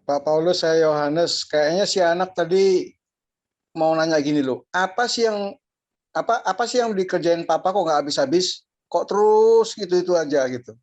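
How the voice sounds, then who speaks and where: A man's voice: fairly high pitch, moderate pace. A man taking part in an online class, speaking up to offer his answer to the pastor. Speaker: seminar participant.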